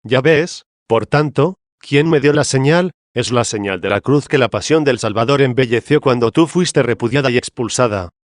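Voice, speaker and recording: A man's voice: medium pitch, normal speed, few pauses, no room sound, clean studio sound, natural voice. A man reading as the Church, a stern queenly woman. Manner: solemn, reproving debate reading. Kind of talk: audiobook reading of a theological dialogue.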